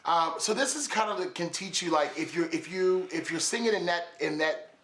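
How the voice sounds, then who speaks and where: A man in a casual chat who coaches singers, with a slightly high voice. He thinks out loud analytically and keeps restarting his sentences. The echoey room rings behind him. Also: lively intonation, brisk, a little hiss or hum. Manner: analytical, hesitant, full of restarts. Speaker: vocal coach.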